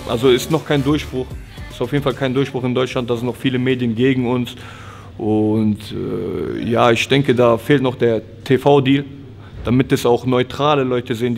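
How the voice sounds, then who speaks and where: A man's voice: medium pitch, fairly quick, creaky, faint music behind. A man in his twenties, an MMA fighter, talking casually in an interview, with lots of fillers and restarts. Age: 20s. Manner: relaxed, frequent fillers and restarts. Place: training gym, indoors.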